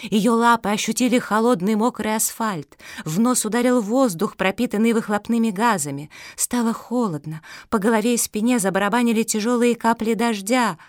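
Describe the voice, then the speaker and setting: A woman narrating a children's audiobook in a clear, expressive way. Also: a little high, moderate pace, few pauses, no room sound, studio quality.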